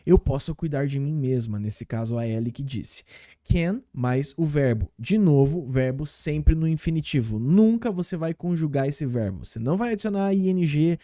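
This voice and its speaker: A Brazilian man teaching English in Portuguese, repeating example phrases slowly and patiently. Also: on the high side, animated, warm tone, dry recording, studio quality. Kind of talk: language lesson explaining game clips.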